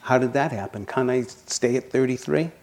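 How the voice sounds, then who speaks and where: 60-something meditation teacher doing a dharma talk, jokes about himself a lot, mid pitch. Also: male voice, normal speed. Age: 60s. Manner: gently humorous, self-deprecating.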